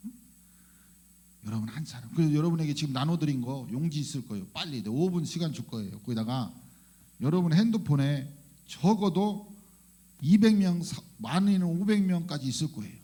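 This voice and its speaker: A male pastor giving a fervent, animated sermon in church, often crying out hallelujah and questioning the congregation. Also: fairly high pitch, brisk. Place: church sanctuary.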